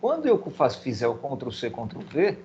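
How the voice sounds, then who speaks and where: A man's voice: mid-range voice, huge pitch swings, moderate pace, darkish tone, highs cut off, a little hiss or hum. Man teaching a recorded video lesson. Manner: explains step by step, voices student questions. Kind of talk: video lecture.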